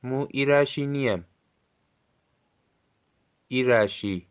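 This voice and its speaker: Man slowly teaching Gilaki phrases. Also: mid-range voice. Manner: slow, clear model phrases for listeners to repeat. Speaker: language teacher. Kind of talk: recorded language lesson.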